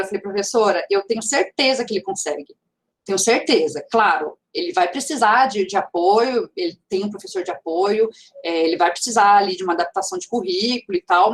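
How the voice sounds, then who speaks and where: A woman with a mixed regional Brazilian accent speaks in a chatty, conversational way over a video call, full of fillers and restarts, as she answers questions at an online seminar. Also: medium pitch. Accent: mixed regional Brazilian Portuguese accent.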